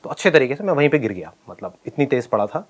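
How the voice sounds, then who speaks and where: A man tells a personal school story in an animated way, laughing often and acting out his own lines. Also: mid-range voice, fast. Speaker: speaker telling a school story.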